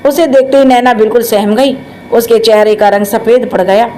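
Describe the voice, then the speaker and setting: A woman storyteller reading a family drama aloud in a steady, dramatic way, in a storybook narration style. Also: a little high, normal speed, a little hiss or hum.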